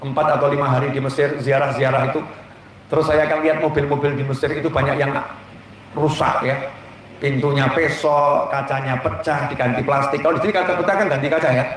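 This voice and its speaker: A man's voice: a little high, fast, a little hiss or hum. A man giving a humorous religious sermon, telling stories with folksy asides. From Indonesia. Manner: humorous, lively storytelling with Javanese asides. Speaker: preacher. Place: large hall at a religious gathering. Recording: echoey, distant mic with faint background ambience.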